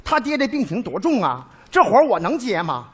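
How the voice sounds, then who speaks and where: A brash, argumentative caregiver. His voice rides high and swings widely, and he punctuates everything with loud exclamations. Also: very animated, a little fast, slightly rough, full character voice. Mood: indignant. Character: blustering male caregiver, brash and proud. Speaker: hired caregiver in a stage sketch. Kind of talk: comic sketch acting.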